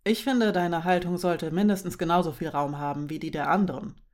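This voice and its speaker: A woman voicing Marim, a calm and supportive young man, with a reassuring storybook manner. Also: on the low side, fairly quick, natural voice.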